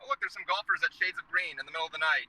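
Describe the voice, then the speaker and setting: A man hosts a casual talk show from his car, sounding groggy after a day of work as he jokes, rambles, and interrupts himself. His voice is on the high side, steady and sharp, very fast, with poor audio.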